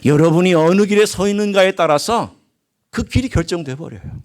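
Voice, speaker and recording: Brief: male pastor, sermon, fairly high voice, lively swooping delivery, acts out quotes. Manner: animated preaching with sharp swings from loud to hushed; acts out quoted speech and regional dialect phrases. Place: church sanctuary.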